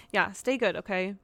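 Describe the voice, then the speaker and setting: A woman's voice: medium pitch, a bit bright, dry recording. Frank, giggly woman podcast host. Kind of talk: casual solo podcast chat.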